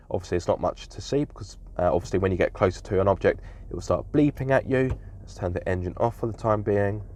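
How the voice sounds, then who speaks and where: Sitting inside the vehicle, a young man with a blocked, slightly nasal voice gives a chatty, casual walkaround car review, often correcting himself and using fillers. His voice is on the low side with a darkish tone, and there's no echo.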